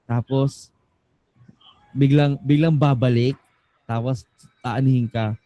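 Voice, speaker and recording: A young man telling a ghost story live on stage, dropping to a hush and then jumping up in excitement, with English words mixed in. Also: slow, no room sound, muffled recording. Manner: animated, swings between hushed low and excited high; mixes English into his telling. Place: live music venue.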